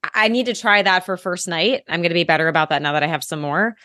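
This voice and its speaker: Lower-voiced woman hosting, dry sound. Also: fast, no room sound. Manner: animated storytelling, laughs easily. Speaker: podcast host. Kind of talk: casual chat.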